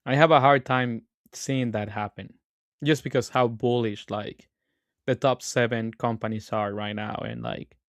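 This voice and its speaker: A man's voice: medium pitch, steady tone, a little slow, dry recording. A man co-hosting a casual markets podcast, laid back and leaning on "like" fillers. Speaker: co-host.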